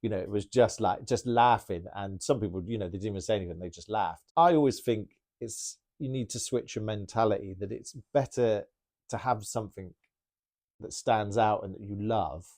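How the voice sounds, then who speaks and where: A man's voice: on the low side, moderate pace, a little mellow. A man who works as a bike mechanic, chatting casually and enthusiastically through viewer questions, rambling a little with restarts. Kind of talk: casual Q&A talk.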